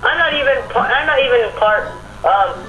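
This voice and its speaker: A man's voice: extremely high pitch, animated, moderate pace, bright, forceful tone. A male gamer chatting casually and rambling, often repeating his words and phrases. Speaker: gamer friend watching along. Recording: roomy echo. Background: video game music.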